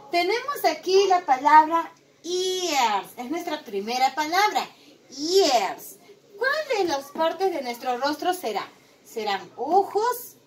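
A woman with a Peruvian Spanish accent teaching an English lesson to young children, speaking slowly and clearly and repeating words for them to echo. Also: sits high, far from the mic.

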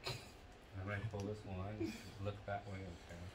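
A man's voice: on the low side, level tone, a little slow. A man working as a trainee waxing technician, chatting casually with a client. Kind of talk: casual chat. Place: indoor treatment room. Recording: noisy, somewhat far from mic.

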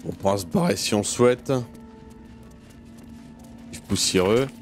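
With game music in the background, a man hosting a gaming video chats casually through a let's play, talking to himself and swearing freely. His lowish voice is expressive, and his pace is measured.

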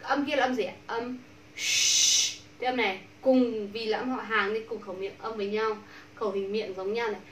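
A Vietnamese woman teaching English pronunciation to a class, drawing out model words slowly and repeating them. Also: medium pitch, steady tone, distant mic. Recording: echoey room, voice from off mic, faint background hum.

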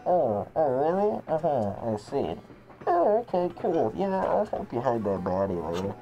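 A man's voice: mid-range voice, sing-song, measured pace, gravelly, highs cut off. Man voicing a chummy chatty cat traveler. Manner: nosy, chummy small talk. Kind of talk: voicing game dialogue aloud.

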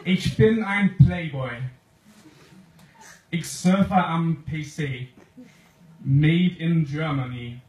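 Slow English man reading comic verse. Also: fairly high pitch, darkish tone. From England. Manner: reads from a sheet, slow and deliberate. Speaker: poetry slam performer. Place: small club stage with audience. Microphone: stand mic, filmed from the crowd. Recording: roomy club audio, faint noise.

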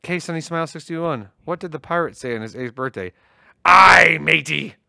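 A man's voice: on the high side, fast talker, dry recording, studio quality. A man co-hosting a tech stream in casual banter, teasing and laughing often as he tells jokes. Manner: laughs often, teasing, animated joke-telling.

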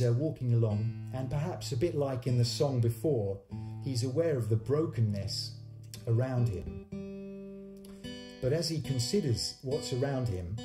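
A mid-range voiced man in his forties, a singer-songwriter, hosts a livestream from a small home studio indoors, telling casual stories between songs. His conversational phrasing is hesitant and restarts often, picked up by a condenser microphone on a stand in a roomy, echoing space.

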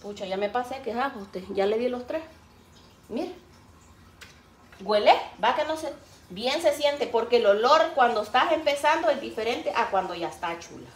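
A woman's voice: fairly high pitch, expressive, moderate pace. A woman, chatting in a folksy, teasing way while she cooks. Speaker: cooking vlogger. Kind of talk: casual cooking chat. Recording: roomy, faint background noise.

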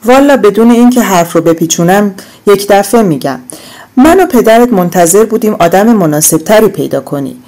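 A woman's voice: medium pitch, animated, close to an everyday voice. A woman voicing a lecturing middle-aged mother. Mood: blunt. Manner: firm, admonishing, forceful.

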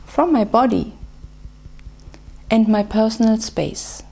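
A woman leading a guided tapping session, speaking slow, soothing phrases for the listener to repeat. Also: fairly high pitch, a little mellow. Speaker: EFT practitioner.

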